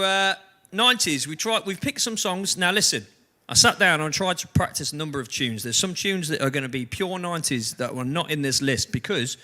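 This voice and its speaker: High-voiced self-mocking man. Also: bright, forceful tone. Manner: self-mocking, laughs often. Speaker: band livestream host and singer. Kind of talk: casual banter. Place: home kitchen.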